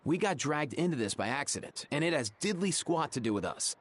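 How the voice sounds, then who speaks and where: A man's voice: a little high, very animated, a little fast, a little hiss or hum. An actor voicing a polite, earnest male bystander in a video game.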